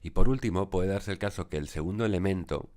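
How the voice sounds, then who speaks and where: A man teaching a lesson over a screen recording, explaining step by step in a measured way with frequent hesitation fillers. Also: low voice, darkish tone.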